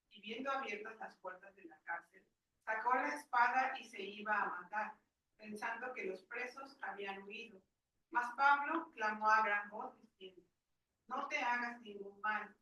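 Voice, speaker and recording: A woman from the congregation reading a Bible passage aloud in a steady voice. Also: a little high. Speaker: congregation member reading scripture. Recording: echoey hall, voice from far off.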